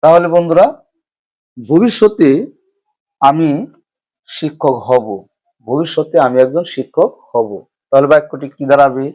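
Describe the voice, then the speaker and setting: A man's voice: a little high, unhurried, long pauses, warm tone. A man with a Bangladeshi accent teaching a spoken English lesson, patiently repeating each phrase step by step.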